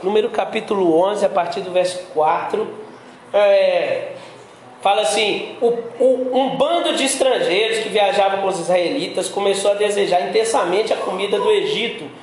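A man's voice: high-pitched, moderate pace. A Brazilian man preaching a sermon as pastor, talking in a conversational way and often putting direct questions to his listeners. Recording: very echoey room with faint background noise.

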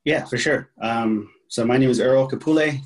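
A man's voice: mid-range voice, moderate pace, low-quality recording. A man in his thirties from Hawaii, telling his story as an interview guest in an easygoing way with many fillers. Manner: easygoing storytelling with frequent "um" and "you know". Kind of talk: casual interview.

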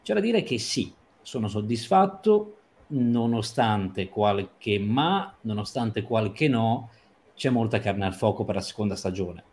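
A man discussing a TV episode on a livestream, talking emphatically and stretching or rushing phrases for stress. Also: on the low side, expressive, a little mellow. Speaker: series commentator.

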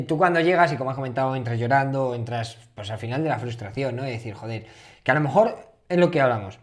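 Casting: male interview host, mid-range voice, relaxed and conversational, asks questions thoughtfully. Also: mid-range voice. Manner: chatty, recalls shared events and asks reflective questions. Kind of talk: casual interview chat.

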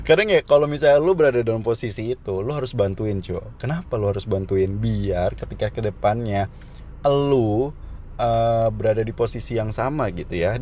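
A man's voice: medium pitch, a little mellow, slight background noise. Joking young man. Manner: joking, slangy, laughs at his own jokes. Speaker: vlogger. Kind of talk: casual comedic monologue. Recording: dull, slightly muffled recording.

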